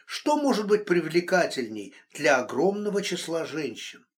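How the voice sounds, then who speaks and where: A man reading a novel aloud as an audiobook narrator, expressive. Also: on the high side, normal speed. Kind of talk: scripted narration.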